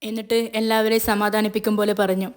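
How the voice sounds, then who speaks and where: A woman narrates a television serial episode in a steady, even storytelling voice. Her tone is smooth and clear. The pitch stays flat, with little rise or fall. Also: quick pace.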